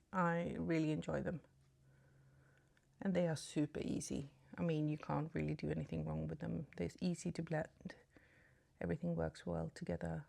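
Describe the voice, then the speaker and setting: Freshly woken, a beauty vlogger from Sweden talks casually through a makeup tutorial in a low-pitched, creaky voice. Her British English carries a slight Swedish tinge, and she mixes chatty apologetic asides with soft murmurs while putting on makeup.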